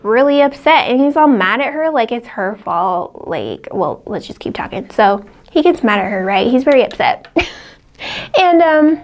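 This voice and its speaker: Over soft background music, a woman with a slightly high, very animated voice talks at a moderate pace. As a book vlogger, she casually retells a classic story in a chatty way, saying "like" constantly and laughing often.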